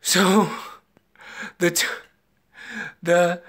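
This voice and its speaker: A man's voice: sits high, extremely slow. Jamaican man telling a story live. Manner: rambling, animated storyteller who retells conversations. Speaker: vlogger.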